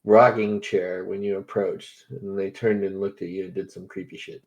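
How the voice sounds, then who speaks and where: A man's voice: low voice, flat delivery, normal speed, a little mellow. Laid-back man running a tabletop game. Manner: laughs often, easygoing. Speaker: game master.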